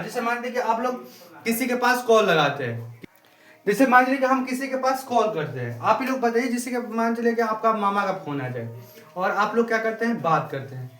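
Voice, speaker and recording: High-voiced male teacher in echoey room. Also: a bit bright, a little hiss or hum. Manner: repetitive, drawn-out word-by-word dictation. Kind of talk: classroom grammar lesson.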